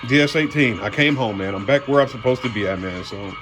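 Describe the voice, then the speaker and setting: Talking fast over music, a man with a mid-range voice hosts a car audio vlog. He unboxes gear casually and colloquially, addressing viewers as "y'all" and "man."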